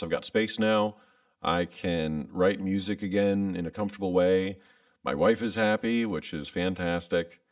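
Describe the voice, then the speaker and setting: A man in his thirties, a content creator, chats casually on a livestream from home, rambling and hesitating with many restarts. His voice is low and creaky, and although he uses a studio microphone with headphones, the dry recording sounds distant.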